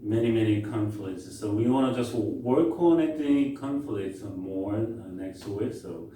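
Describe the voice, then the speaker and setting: A man from South Korea, speaking English with a Korean accent, gives a conversational university lecture full of anecdotes and halting restarts. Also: lowish voice. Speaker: professor. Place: lecture room. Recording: echoey room, far from mic, faint noise.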